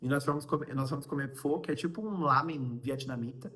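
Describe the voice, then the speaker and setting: A young Brazilian vlogger chats casually with his viewers in a Brazilian Portuguese accent, peppering his talk with fillers and side comments. His medium-pitched voice moves fairly quickly and sounds a bit bright.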